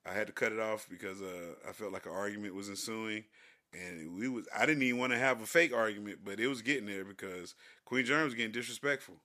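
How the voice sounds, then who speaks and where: A man's voice: lowish voice, quick pace, bright, forceful tone. A man co-hosting a podcast in casual chat, laid-back and full of slang. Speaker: podcast co-host.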